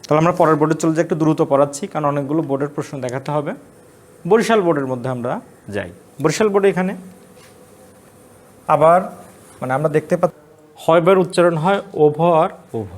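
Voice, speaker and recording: A man from Bangladesh, a college Bangla lecturer, teaching pronunciation in an online class, repeating each word slowly and asking and answering his own questions. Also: fairly high pitch.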